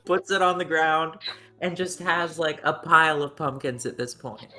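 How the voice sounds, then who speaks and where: Female tabletop player, low bright voice, casual action description, faint music bed. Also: normal speed.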